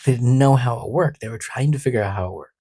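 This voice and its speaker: Brief: man co-host, mid-pitched, dry close sound, explains history with playful jokes. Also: fast talker, warm tone, no echo. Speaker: podcast co-host. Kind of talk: casual podcast chat.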